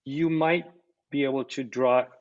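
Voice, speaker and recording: A man's voice: medium pitch, steady tone, normal speed. A man hosting a podcast interview, asking questions hesitantly with many fillers and false starts. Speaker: podcast host. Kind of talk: conversational interview. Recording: dull lo-fi audio.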